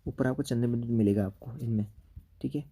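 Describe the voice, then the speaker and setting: A man's voice: medium pitch, brisk, dark tone, husky. A man teaching an exam-prep grammar lesson, explaining step by step and checking in with "okay" after each point.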